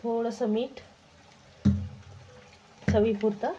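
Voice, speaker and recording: A woman's voice: a little high, steady tone, very slow, warm tone, muffled recording, slight background noise. A woman with a Marathi accent hosting a home cooking channel, demonstrating a recipe step by step in a homely, instructive way. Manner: homely, instructive, repeats "तर हे बघा".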